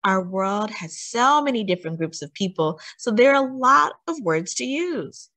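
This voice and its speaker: Here a woman with a mid-range, very animated, slightly bright voice reads a picture book aloud as a story time host. She emphasizes words like a teacher and asks the children questions.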